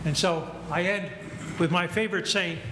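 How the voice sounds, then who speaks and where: An older male guest lecturer speaking in a measured, reflective way, with gentle humor, giving a lecture and taking questions. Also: high-pitched. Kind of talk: academic lecture and Q&A. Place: lecture hall. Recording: echoey hall with ambient noise.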